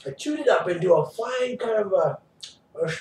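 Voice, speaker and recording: A man co-hosting an improvised comedy show, speaking in slow, drawn-out deadpan. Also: high-pitched, roomy sound, far from the mic. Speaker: comedy co-host.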